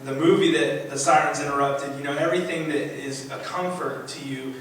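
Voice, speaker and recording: A man's voice: mid-range voice, fairly even intonation, brisk, a bit bright, slight background noise. Guy sharing a story at church, lots of ums, voice far off in a really echoey room. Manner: rambling, many fillers and restarts. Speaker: church member giving testimony. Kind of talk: personal testimony in church. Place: church sanctuary. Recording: echoey church from a distant mic.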